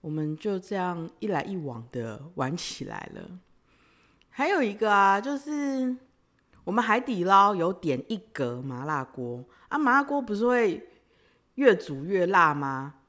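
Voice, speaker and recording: A young woman hosts a podcast. She tells a personal story in a casual, teasing way and often breaks into giggles. Her voice sits a little low but swings through a very wide range. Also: very animated, a little slow, a bit bright. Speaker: podcast host.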